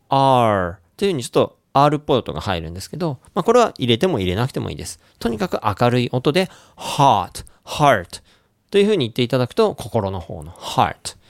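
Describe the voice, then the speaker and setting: A man hosting a radio-style English lesson, lively, demonstrating English sounds slowly and clearly. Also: medium pitch, no echo, studio quality. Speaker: English pronunciation teacher and show host.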